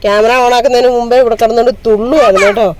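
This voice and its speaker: A woman's voice: on the high side, steady tone, very fast, crowd noise. A woman hosting a casual family vlog, chatting to the camera and coaxing a small child in baby talk while out shopping. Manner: chatty, folksy commentary to the camera. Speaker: vlogger host.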